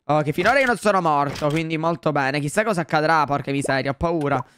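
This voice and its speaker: A young man commenting on a video game for his viewers, excitable and full of exclamations. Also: on the high side, fast talker, slight background noise. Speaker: gaming YouTuber. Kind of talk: Let's Play commentary.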